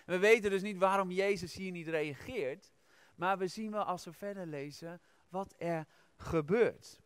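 Preacher: a man with a high voice who tells the scripture as a lively story, recorded dry and close. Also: a little slow, smooth, dry recording. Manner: lively storytelling, retells the scripture in his own words; addresses listeners directly with questions. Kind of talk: sermon.

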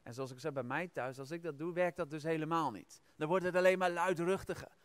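Preacher: a man with a high voice who tells the scripture as a lively story, recorded dry and close. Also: brisk, no room sound. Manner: lively storytelling, retells the scripture in his own words; addresses listeners directly with questions. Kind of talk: sermon.

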